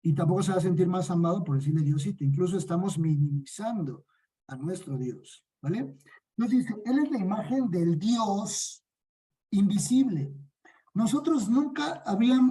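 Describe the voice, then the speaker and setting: A discipleship teacher with a Mexican Spanish accent leads a Bible study, asking his listeners questions and then answering them himself. His voice is high yet very dark and mellow, with a slight huskiness, and the recording quality is low.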